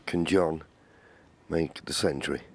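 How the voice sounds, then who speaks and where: A man giving measured, understated live snooker commentary as a match commentator. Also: a bass voice, fairly even intonation. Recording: crowd and arena noise behind. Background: snooker arena audience ambience.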